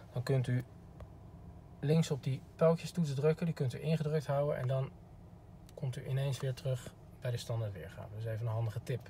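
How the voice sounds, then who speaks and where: Speaking as a car product expert, a man with a dark, mid-range voice walks through a polite, casual instructional demo while sitting in a parked car. Background noise is clear.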